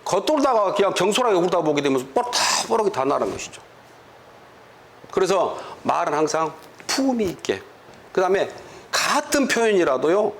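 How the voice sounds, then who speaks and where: A man with a fairly high voice gives a motivational lecture to business distributors, with a little hiss or hum in the audio. He tells animated stories, poses rhetorical questions to the room, and sometimes acts out quarrels in dialect using quoted voices.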